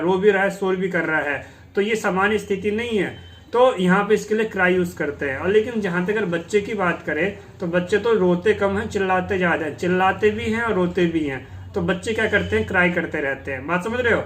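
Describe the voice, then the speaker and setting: A middle-aged man with an Indian accent and Hindi as his first language teaches spoken English. His voice sits fairly high. He walks through each phrase, putting a question to the class and answering it himself. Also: a bit bright. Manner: explains step by step, asks and answers his own questions.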